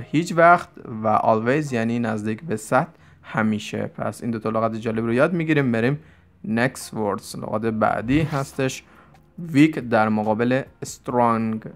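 A man teaching English vocabulary in Persian, explaining quickly and reading each English example slowly and deliberately. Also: fairly low pitch.

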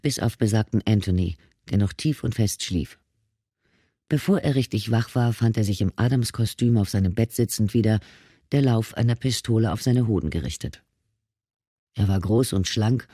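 Mellow, dry male audiobook narrator. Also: medium pitch, no echo. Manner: steady, measured reading. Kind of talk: scripted narration.

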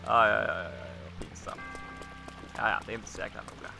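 A man casually commenting on his own gameplay, chatty and excitable, talking to himself as he plays. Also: on the low side, gravelly. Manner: chatty, excitable, talks to himself while playing. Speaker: let's play host. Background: video game music.

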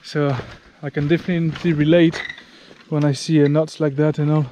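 Out on forest walking paths, a travel vlogger chats freely in a casual, informal commentary, swearing now and then. His voice is fairly high and dark-toned, delivered flatly at a normal speed. Outdoor ambience noise runs under the recording.

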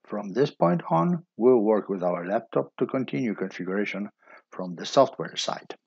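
Gravelly low-voiced man explaining steps. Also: normal speed, dry recording, highs cut off. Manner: steady step-by-step explaining. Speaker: instructor. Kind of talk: technical tutorial voice-over.

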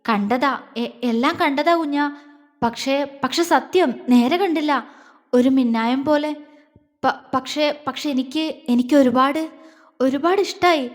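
A woman voicing a tender young husband who speaks softly, stammering and halting. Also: sits high, big-room sound. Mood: trembling tender.

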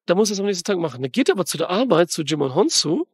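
A man hosting a film podcast, rambling excitedly and slangily as he retells and tears apart a movie in casual chat. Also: sits high, racing, slightly rough, no room sound, studio quality.

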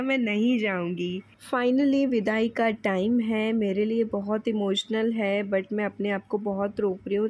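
A woman's voice: mid-range voice, no room sound. A woman in her thirties narrating her vlog in a chatty, heartfelt voice-over. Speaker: vlogger. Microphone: voice-over mic.

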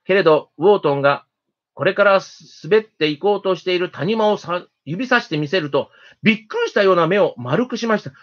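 Storyteller reading a kids story, gentle and steady, middle pitch, dull lo-fi sound. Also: a little fast. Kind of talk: children's story narration. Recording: dull lo-fi recording.

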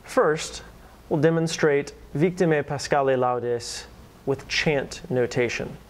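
A man teaching singing, speaking calmly and patiently and singing chant and solfege slowly as demonstrations. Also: fairly high pitch. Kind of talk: instructional voice-over with sung demonstrations.

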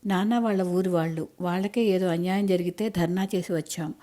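A woman voicing a middle-aged activist mother who speaks calmly and patiently but scolds firmly, in an audiobook story. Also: lowish voice, brisk, close to an everyday voice.

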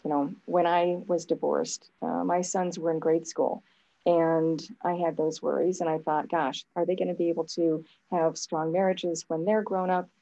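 Speaking from a room at home, a woman in her fifties hosts a casual video call chat and cheers on her guest, her speech full of fillers. Her voice is fairly low and dark with little pitch movement, at a moderate pace, and the audio quality is poor.

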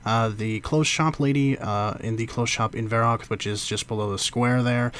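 A man's voice: mid-range voice, steady tone, moderate pace, a bit bright, a little hiss or hum. A man hosting a casual game walkthrough, talking loosely with many fillers and stumbling over names. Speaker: game guide host.

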